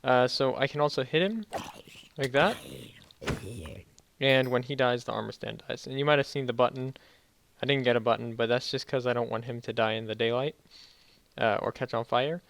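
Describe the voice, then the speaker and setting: A young man giving a casual, halting game tutorial, speaking slightly muffled and carefully, as if sore after dental work. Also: mid-range voice, vocal fry, fairly bright tone. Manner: halting, self-correcting explanations. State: sore mouth after wisdom teeth removal, slightly muffled careful speech. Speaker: tutorial video host.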